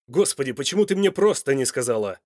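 Brief: male narrator doing a loud, sharp-tongued young man, audiobook, middle pitch. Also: fast talker, dry recording, studio quality, lightly acted. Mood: tense. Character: young man, hot-tempered, protective son.

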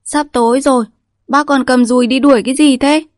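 A woman voicing a clever, kind-hearted young village girl who speaks earnestly and quickly. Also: sits high, steady tone, a little mellow, no echo, clean studio sound, voice pushed up, lightly acted.

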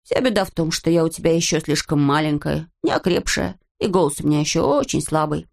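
A woman voicing a small female inner conscience in an audiobook, slow, low and scolding. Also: expressive, gravelly, darkish tone. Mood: pleading. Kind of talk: audiobook character voice.

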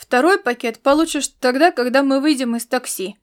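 A wry young earthling man who grumbles and teases his companion, read by a woman narrator. The voice stays plain and close to the reader's own, with a high pitch. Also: normal speed, lightly acted. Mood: disgusted. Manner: teasing, grumbling. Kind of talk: audiobook character voice.

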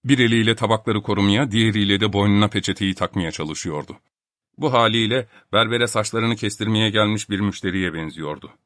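A man narrating an audiobook in a measured storytelling manner. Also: on the low side, fairly bright tone, dry recording, studio quality. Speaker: audiobook reader. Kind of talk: scripted narration.

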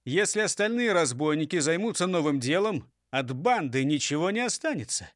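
A man narrating a children's audiobook in an expressive storytelling manner. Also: a little high, normal speed, dry recording, studio quality.

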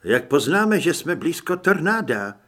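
A man's voice: a little high, sing-song, a bit bright. Man doing a nervous young teammate. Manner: nervous, anxious.

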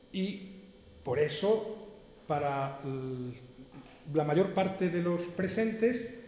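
A man lectures at a seminar in a mellow, fairly high voice, building his points through chains of rhetorical questions. He pauses often and hesitates mid-sentence. The sound is roomy, with a long hall reverb trailing each phrase. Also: a little hiss or hum. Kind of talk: philosophical lecture. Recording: echoey hall, distant reverb.

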